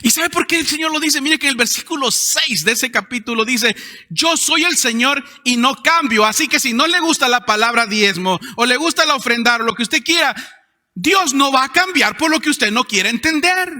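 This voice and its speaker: A man preaching a sermon as pastor, emphatic, with sudden rises in pitch and loudness. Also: lively intonation, a little fast. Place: church hall. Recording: long hall reverb.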